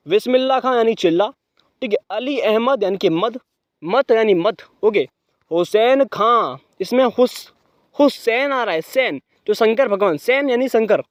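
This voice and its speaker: A young man teaching an exam-prep lesson, repeating memory tricks and answering his own questions in a lower voice. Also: no room sound, studio quality. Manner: quizzes himself and answers in a lower voice; repeats mnemonics, brisk and chatty.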